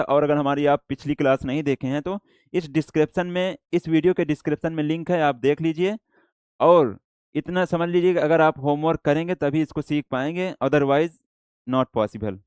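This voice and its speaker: A man with an Indian accent teaching a shorthand class, explaining slowly and repeating himself, mixing English words into Hindi. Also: fairly high pitch, darkish tone, smooth, dry recording. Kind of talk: classroom lecture.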